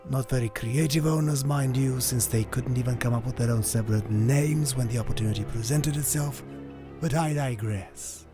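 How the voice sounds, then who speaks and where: An actor playing a theatrical, psychopathic clown crime boss in a motion comic, creaky-voiced and drawling with mock-friendly menace. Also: male voice, medium pitch, moderate pace, music in the background, lightly acted. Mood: taunting. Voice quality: gravelly, creaky.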